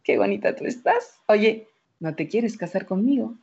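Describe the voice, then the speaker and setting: A woman's voice: mid-range voice, animated, moderate pace, a little mellow, husky, lo-fi sound. A woman voicing a smug male tomcat who meows while courting. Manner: purring, meowing.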